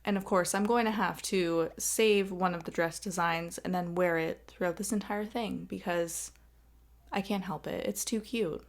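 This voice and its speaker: A woman's voice: lowish voice, fairly even intonation, normal speed. A young woman with a Canadian accent, hosting a game video in a bubbly, chatty way and poking fun at herself. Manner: bubbly, chatty, self-deprecating. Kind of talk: casual chat over gameplay.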